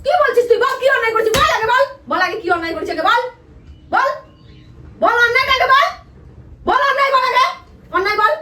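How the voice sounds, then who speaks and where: Wife, defiant and demanding, far the mic in a noisy room. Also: female voice, very high voice, animated, fast talker, pauses often. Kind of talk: heated domestic argument. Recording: echoey room, distant mic, background noise.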